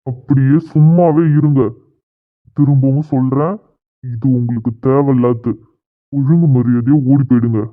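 A man's voice: mid-range voice, steady tone, moderate pace, pauses often, close to an everyday voice. A man voicing a smug threatening groom. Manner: dismissive, threatening. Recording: tinny phone-like audio.

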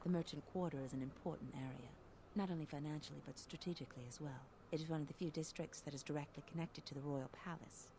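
An actress playing a composed political conspirator in a video game, speaking in a measured, formal way. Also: female voice, deep voice, steady tone. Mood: discreetly persuasive. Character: composed female political conspirator offering bribes. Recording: clear background game noise.

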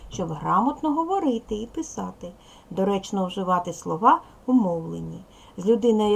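A creaky, husky, mid-range voice belongs to a woman guiding second graders through a recorded lesson. She goes step by step with patience, counting out loud and addressing the class as little ones.

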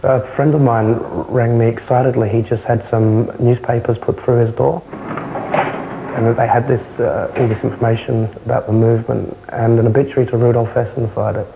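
A young man with a South London accent, answering interview questions in a matter-of-fact, halting way. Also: mid-range voice, level tone, vocal fry, background noise. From South London, England. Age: young adult. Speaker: interviewee, former far-right insider. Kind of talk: candid television interview. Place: indoor television interview, close camera.

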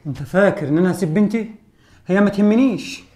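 Actor as a commanding, protective Egyptian father; warm, dark tone, quick delivery. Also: mid-range voice, lightly acted. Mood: stern. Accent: Egyptian Arabic. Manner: stern, commanding, threatening. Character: protective stern father, adult man. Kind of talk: amateur skit acting.

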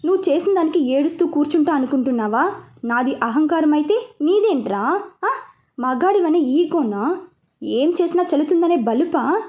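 A woman's voice: high voice, animated, moderate pace. A fiery defiant young woman, voiced by a woman reader. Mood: furious. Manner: sharp, defiant, taunting.

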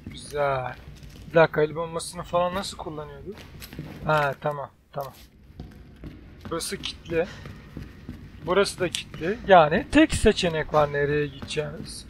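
A man with a high-pitched voice talks through a horror game as he plays it, cracking jokes and thinking out loud. He gets excitable and yells at the enemies, then drops back into muttered planning. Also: moderate pace. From Turkey. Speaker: gaming channel host. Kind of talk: let's play commentary.

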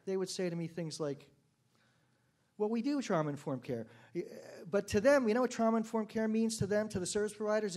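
Middle-aged guy giving a keynote, lots of uh's and restarts, gets fired up. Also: high voice. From United States. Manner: frequent uh fillers and restarts, grows heated and animated. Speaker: keynote speaker, public defender. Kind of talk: conference keynote speech.

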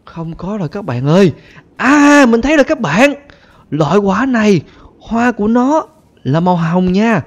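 A man's voice: high-pitched, animated, normal speed. A man giving chatty gameplay commentary, constantly addressing his viewers. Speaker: gaming YouTuber.

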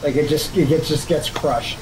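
A man's voice: fairly high pitch, steady tone, normal speed, noisy background. A young man co-hosting a let's play, giving casual, joking commentary with sarcastic asides and casual swearing.

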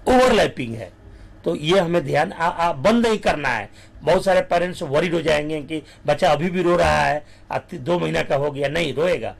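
A man giving a lecture, moving between Hindi and slow, dictated definitions. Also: fairly high pitch, creaky. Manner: mixes Hindi with English terms, slows to dictate definitions.

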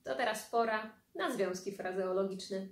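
A woman who is a school librarian, reading a children's book aloud in a calm, measured storytelling manner. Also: medium pitch. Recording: echoey room.

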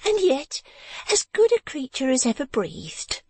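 A man voicing a fussy, self-important married woman of Victorian London who gushes and frets in a high voice. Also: huge pitch swings, a little slow, a little mellow, dry recording, full character voice. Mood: fretful, gushing. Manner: gushing, shrill, fawning.

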